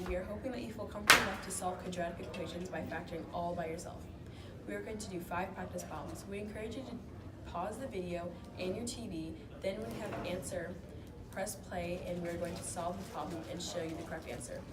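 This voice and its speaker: Girl student explaining math, kinda low voice, far from mic, echoey. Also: brisk. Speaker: student presenter explaining algebra steps. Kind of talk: instructional math presentation. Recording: distant mic, echoey room, loud noise.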